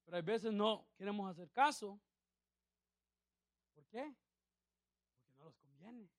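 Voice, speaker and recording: Brief: a male pastor with a very high, gravelly voice who preaches and quizzes his congregation. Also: animated, measured pace, no room sound, clean studio sound. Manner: calls out questions to the congregation. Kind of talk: sermon.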